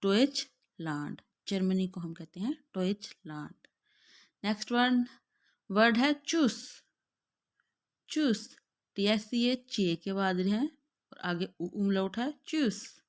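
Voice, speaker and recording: Pakistani-accented woman, language teacher, slow deliberate delivery, repeats each word twice, mid-pitched voice. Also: lively intonation. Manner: drawn-out, carefully spelled-out words, glossing each in Urdu.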